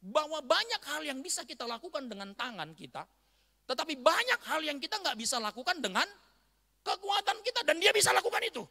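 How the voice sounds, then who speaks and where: A man from North Sumatra preaching an animated storytelling sermon to a church congregation. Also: extremely high pitch, brisk, vocal fry. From Batak, North Sumatra, Indonesia. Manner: animated storytelling, bursts into shouts and laughter. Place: large church hall. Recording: long church-hall reverb.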